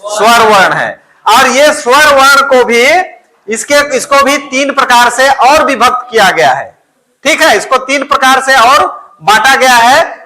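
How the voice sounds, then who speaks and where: A man teaching a classroom grammar lesson. He says the letters out slowly one by one, often asks the class a question, answers it himself, and keeps checking in with "okay". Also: very high voice, sharp tone, low-quality recording. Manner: quizzes listeners with questions, then answers them himself.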